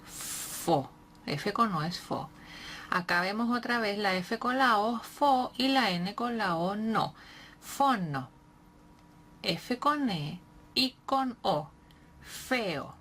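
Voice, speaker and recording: A woman teaching reading, sounding out letters and syllables slowly and clearly, with patient encouragement. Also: medium pitch, expressive, fairly bright tone, a little hiss or hum. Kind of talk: slow syllable-by-syllable reading lesson.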